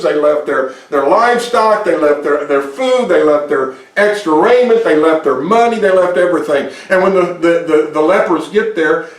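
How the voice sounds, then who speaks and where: Folksy preacher man in an echoey hall. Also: high-pitched. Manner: folksy retelling of a Bible story, chuckling asides. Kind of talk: sermon storytelling. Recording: echoey room, distant mic.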